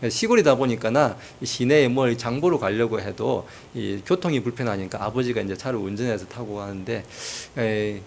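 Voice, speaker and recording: A man's voice: medium pitch, slight background noise. Male pastor preaching, tells funny family stories, voice swings up and down a lot. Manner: storytelling with humor and acted quotes. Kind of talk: sermon.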